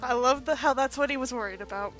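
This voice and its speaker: A woman playing her cleric at a tabletop game, playful and quick to laugh. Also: high-pitched, loud music behind the voice. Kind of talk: casual tabletop game play.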